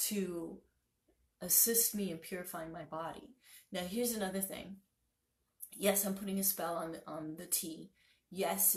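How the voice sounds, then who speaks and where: A woman chats to camera as a spiritual vlogger, circling back and correcting herself often. Her voice sits low and has a gravelly fry. The room around her rings with echo. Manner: rambling, self-correcting, many fillers. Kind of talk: casual talk to camera.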